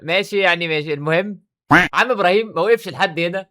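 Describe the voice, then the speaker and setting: A man with an Egyptian Arabic accent rattles off reaction commentary at a breakneck pace, teasing and stumbling over repeated words. His voice is bright and sits a little high. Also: very fast. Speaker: YouTuber.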